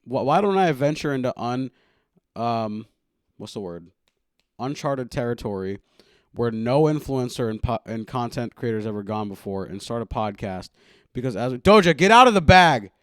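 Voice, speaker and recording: A man's voice: mid-range voice, normal speed, a little mellow, clean tone, no echo, clean studio sound. Self-mocking young man hosting a podcast. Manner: self-mocking, rambling, playful. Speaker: podcast host. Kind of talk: casual solo podcast chat. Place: home room.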